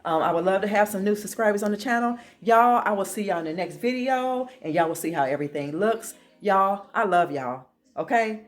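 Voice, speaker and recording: A woman vlogging from her home office, chatty and excited, calling her viewers "y'all". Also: medium pitch, fairly quick, few pauses, soft background music. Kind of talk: casual chat.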